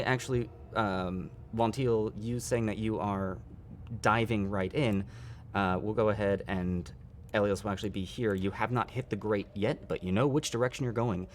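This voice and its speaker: A man narrating a live tabletop game as dungeon master, unhurried and halting, with many fillers. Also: on the low side, slight background noise.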